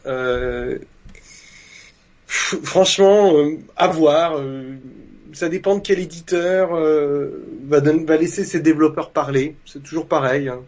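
A man speaking as a guest on a gaming podcast, measured and hesitant, pausing on fillers. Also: a little high, a little mellow. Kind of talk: casual gaming chat.

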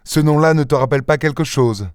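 A man reading an audiobook, voicing a playful, mocking gentleman thief who speaks with mock affection. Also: on the high side, fairly quick, clear, resonant tone, no echo, studio quality, pitched above the performer's own voice, lightly acted. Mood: teasing. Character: charming teasing gentleman thief, young man. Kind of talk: audiobook character voice.

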